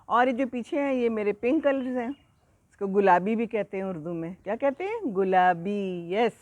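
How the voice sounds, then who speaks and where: A woman telling a story to young children, animated and full of questions to her listeners, speaking outdoors under a tree. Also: medium pitch, dry recording.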